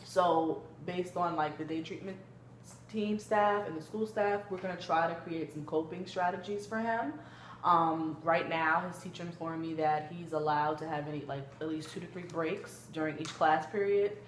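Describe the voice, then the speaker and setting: In an echoey room with some background noise, a woman acts as a gentle female therapist in a family-session role-play. Her voice is low, and she explains things conversationally, hesitantly, with many hedges. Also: fairly even intonation, moderate pace, close to an everyday voice. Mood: calm, concerned. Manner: hesitant, hedging with frequent kinda and you know. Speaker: student clinician in a role play.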